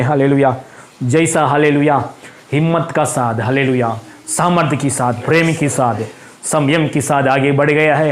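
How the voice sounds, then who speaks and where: A male pastor preaching a fervent sermon in a church, breaking in with hallelujah again and again. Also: on the high side. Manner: fervent, repeats hallelujah constantly.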